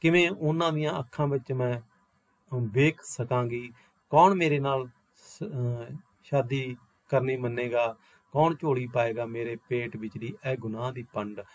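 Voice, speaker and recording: A man's voice: medium pitch, measured pace, no room sound, close to an everyday voice. A man reading aloud as a frightened young woman, pleading and full of despair.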